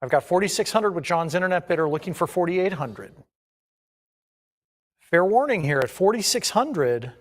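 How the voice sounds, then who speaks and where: A man's voice: sits high, expressive, normal speed, pauses often. A man working as an auctioneer, calling bids in a repetitive chant of numbers and increments.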